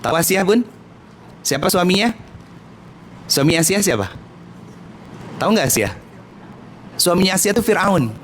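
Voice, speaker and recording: Male preacher in his thirties, soft-spoken yet lively, slightly high voice, faint hum behind. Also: moderate pace, long pauses. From Indonesia, Minangkabau family. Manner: soft-spoken, lively, questioning listeners directly. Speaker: Islamic preacher. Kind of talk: sermon to women.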